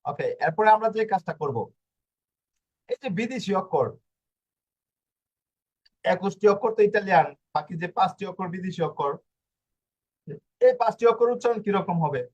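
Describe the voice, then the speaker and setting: A man teaching an online language lesson, explaining slowly with many fillers and restarts. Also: sits high, animated, darkish tone, muffled recording.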